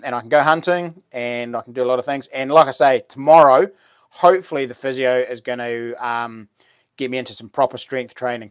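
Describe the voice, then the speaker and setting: Male livestream host, broad Kiwi accent, mid-to-low pitch, dry sound, matey and slangy. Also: no echo. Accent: New Zealand. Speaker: live stream host. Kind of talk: casual livestream chat, reading out comments.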